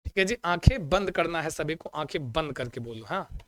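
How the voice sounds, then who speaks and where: A man teaching a Sanskrit exam-prep lesson online, chanting word forms slowly and coaxing his students with questions he answers himself. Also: fairly high pitch, animated, a bit bright, dry recording, clean studio sound. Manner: asks the class questions and answers them himself.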